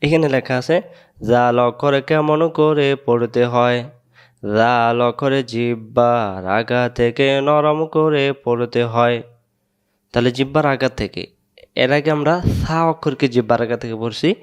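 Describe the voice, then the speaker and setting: Man, Bangladeshi Bengali accent, Quran teacher, very slow drilling lesson, smooth clear voice, repeats sounds for the class. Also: mid-range voice, fairly even intonation. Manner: repeats sounds and asks the class to say them back.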